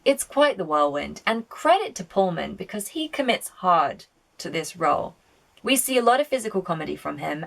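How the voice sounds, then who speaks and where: A woman's voice: medium pitch, low-quality recording. A woman giving casual video-essay film commentary, chatty, opinionated and prone to swearing. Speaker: film reviewer.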